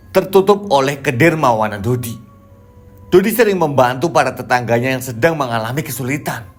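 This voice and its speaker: Male narrator of a spooky folk tale. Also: mid-range voice. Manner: steady, measured storytelling. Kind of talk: scripted horror story narration.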